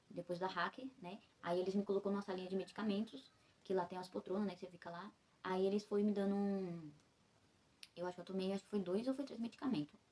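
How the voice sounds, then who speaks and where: A young Brazilian woman, a vlogger recovering after childbirth, tells a personal story in a rambling way, full of fillers and self-corrections. Her voice is fairly low, darkish and husky.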